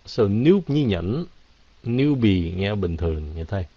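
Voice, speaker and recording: A man teaching English in a casual live Q&A, mixing Vietnamese and English and drawing words out slowly. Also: fairly low pitch, expressive, dark tone, no room sound. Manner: drawn-out, slow pronunciation of English words. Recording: dull, lo-fi, dry.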